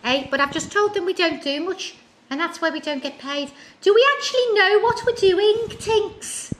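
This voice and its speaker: A woman's voice: very high voice, lively intonation, moderate pace, fairly bright tone, slight background noise. A woman playing a dim, cheeky, bumbling household helper in a comic pantomime interview. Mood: comic confusion.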